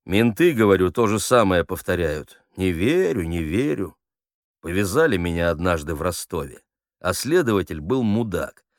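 A man's voice: low voice, expressive, normal speed, no echo, studio quality. A man reading aloud, voicing a coarse convict who gabbles and swallows his words. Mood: sullen. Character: coarse, slangy male prisoner actor.

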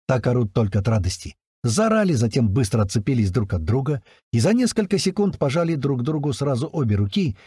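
A man's voice: medium pitch, slightly rough, dry recording, studio quality. A man narrating an audiobook in the first person, in a colloquial storytelling manner. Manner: colloquial storytelling with lively intonation.

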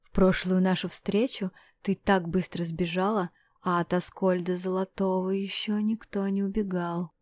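A woman voicing a brash, menacing male stranger who mocks and threatens, loud and leering. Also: lowish voice, flat delivery, moderate pace, no room sound, close to an everyday voice. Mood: sneering.

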